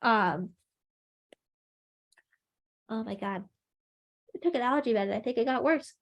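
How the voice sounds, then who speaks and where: Over a video call, a young woman leads a chemistry review, her slightly high voice lively in intonation but a bit slow. Sniffly and congested, she explains things in a friendly manner, punctuated by lots of ums.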